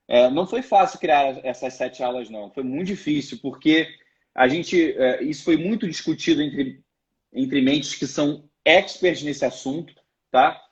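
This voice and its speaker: A man with a somewhat high voice, speaking a little slowly, appears as a guest in a live online interview. A member of a financial education project, he explains his views hesitantly, restarting many times, over muffled video call audio.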